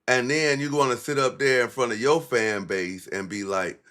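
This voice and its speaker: Male stream host, middle pitch, blunt and profane, mocking commentary. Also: normal speed, sharp tone. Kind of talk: casual livestream commentary.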